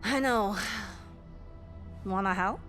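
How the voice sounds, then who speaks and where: A woman voicing a bubbly, playful young female tiefling cleric in an animated series, eager and clingy, with music underneath. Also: medium pitch, takes it slowly, lightly acted. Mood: eager, pleading. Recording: animated series clip with score.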